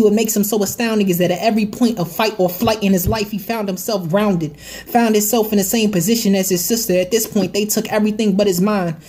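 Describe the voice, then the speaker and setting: A teenage female high school student performing slam poetry in a rhythmic spoken-word delivery, stressing the rhymes at line endings. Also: warm tone. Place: small plain room indoors, seated at a desk.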